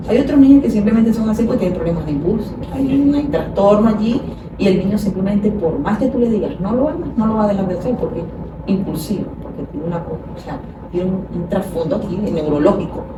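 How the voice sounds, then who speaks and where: A woman explains child behavior with patient, practical examples. She sits well back from the microphone in an echoey room, with steady noise behind her. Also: medium pitch, a little fast. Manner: explains patiently, acts out parents' scolding. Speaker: child psychologist guest. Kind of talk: conversational explanation. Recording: echoey room, far from mic, noisy.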